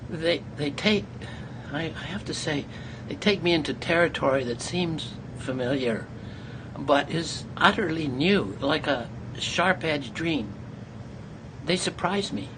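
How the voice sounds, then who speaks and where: Effusive halting interviewer man, noisy background. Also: on the high side, lively intonation. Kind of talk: conversational interview.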